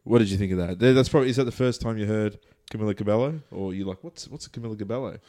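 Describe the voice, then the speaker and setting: A man's voice: lowish voice, very fast, warm tone. A man co-hosting a casual comedy chat, joking and teasing and often laughing. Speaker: podcast co-host.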